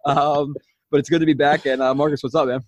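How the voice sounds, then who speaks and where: A man co-hosting a casual football film podcast, talking loosely with fillers and quick laughs. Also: on the high side, flat delivery, no echo. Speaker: podcast co-host. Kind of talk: casual film-breakdown chat.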